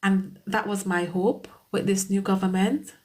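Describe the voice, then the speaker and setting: A woman's voice: mid-range voice, fairly even intonation, unhurried, a little mellow. A woman with a Caribbean accent, an immigration solicitor chatting casually on a live stream, greeting viewers by name and laughing often.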